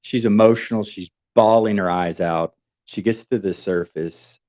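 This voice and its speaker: Podcast co-host, male, low-ish voice, animated storyteller. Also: normal speed. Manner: animated retelling with acted quotes.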